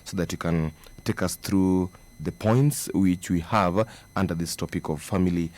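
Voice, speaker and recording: A Kenyan man hosting a radio program in a studio, giving formal, measured introductions. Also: sits low, a little mellow. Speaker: radio presenter.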